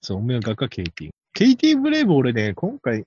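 A man hosts a loose podcast chat, racing through his points and laughing at his own jokes. His voice is husky and swings widely in pitch. It is a dry, somewhat dull lo-fi recording. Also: wildly swooping pitch, fast talker, darkish tone, no room sound. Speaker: podcast host. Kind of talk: casual chat about horse racing picks.

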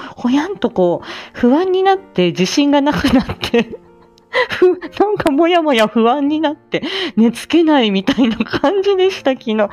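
In a fairly high, slightly mellow voice, a woman chats reflectively and casually on her livestream. She is an amateur voice drama actor and host whose hesitant, self-effacing delivery often trails off partway through a phrase.

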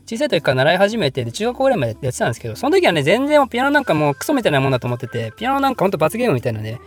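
A man from Japan hosts a casual question-and-answer session, talking fast and laughing at himself as he rambles. His voice is high and swings widely, with an edited pitch-up. Soft music sits faintly underneath. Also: wildly swooping pitch. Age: adult, working. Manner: rambling, self-deprecating, laughs often. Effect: voice pitched up slightly in editing. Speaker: history channel host answering viewer questions. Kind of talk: casual Q&A monologue.

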